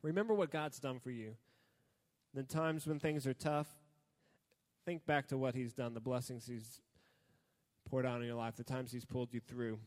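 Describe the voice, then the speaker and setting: A young man giving a casual youth sermon as youth pastor, relaxed and prone to joking asides. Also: medium pitch, normal speed, long pauses, long reverb tail. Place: church hall.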